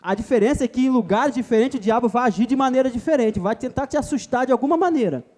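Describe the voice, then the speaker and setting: A man's voice: very high voice, fast, darkish tone. A man with a Brazilian Portuguese accent preaching a sermon at a church retreat, emphatic, repeatedly calling his listeners brother.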